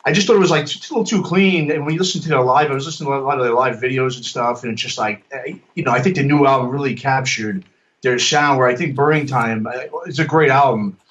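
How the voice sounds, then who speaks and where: A man's voice: medium pitch, fast, a bit bright, lo-fi sound. A man co-hosting a podcast in casual chat, rambling and filling his talk with um and you know. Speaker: podcast co-host and producer.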